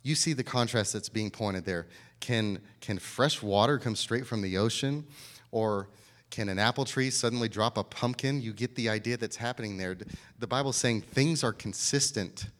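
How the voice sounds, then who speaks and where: A man preaching a sermon, explaining scripture in plain, everyday terms and asking his listeners questions. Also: medium pitch. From American South. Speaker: pastor. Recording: reverberant hall.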